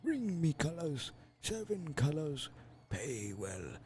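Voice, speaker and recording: A man voicing a frail, ancient, bandaged curator in a breathy, halting old voice. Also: a little high, big pitch swings, darkish tone, a little hiss or hum, pitched above the performer's own voice. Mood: frail pleading.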